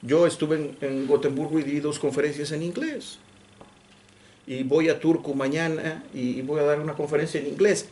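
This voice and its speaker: A man from Mexico giving a lecture in Spanish. He talks in an animated way with many restarts, and sometimes slips into English phrases. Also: a little high, normal speed, a little hiss or hum. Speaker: guest lecturer. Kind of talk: lecture discussion. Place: library lecture room.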